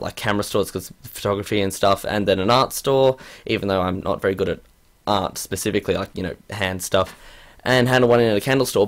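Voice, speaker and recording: Fast-talking teenage guy. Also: on the low side. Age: late teens. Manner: rambling, self-deprecating, trips over his words. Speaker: vlogger. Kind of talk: casual vlog monologue.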